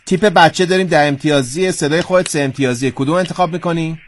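A playful man hosts a quiz show, coaxing and teasing his guest with easy banter. His voice sits a little high for a man, with faint hiss underneath. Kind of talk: radio game show banter.

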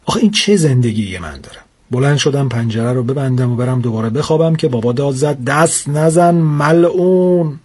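A man narrating a first-person comic story with wry, deadpan complaints. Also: mid-range voice, hardly any pauses, breathy edge.

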